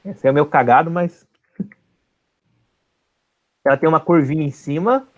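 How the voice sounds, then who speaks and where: A man's voice: fairly high pitch, normal speed, muffled recording. A man teaching an online class, explaining step by step and often checking that his students follow.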